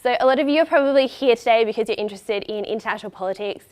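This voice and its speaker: A woman's voice: a little high, racing, a little mellow. A young Australian woman in her twenties, a recent graduate, speaking at an open day with a nasal voice from a cold, chatty with many fillers. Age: 20s. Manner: chatty, with many "um" and "you know".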